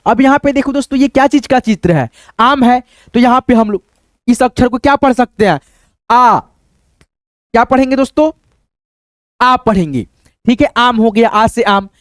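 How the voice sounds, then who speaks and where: Recorded in clean studio sound with no echo, a man with an extremely high voice patiently walks beginners through the alphabet at a slow pace. He poses questions and answers them himself, and almost every sentence includes a friendly word for his listeners.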